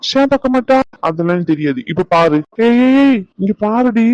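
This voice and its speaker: A man's voice: on the high side, animated, fast, dry recording, close to an everyday voice. A man voicing a young cartoon husband who teases and coaxes his wife affectionately, heard on a dull lo-fi recording. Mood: teasing. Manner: playful, teasing, coaxing. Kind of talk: animated cartoon voice acting. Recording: dull lo-fi sound.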